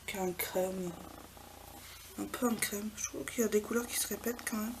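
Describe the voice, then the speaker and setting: A woman vlogger talks viewers through eyeshadow swatches in a casual, gentle way, her voice often sinking to a near whisper. Her tone carries a gravelly, creaky edge. She records in her apartment with a faint hiss of noise behind her. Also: mid-range voice, fairly even intonation, normal speed. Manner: soft-spoken, often dropping to a near whisper. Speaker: beauty vlogger. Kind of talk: casual product swatch walkthrough. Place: home apartment.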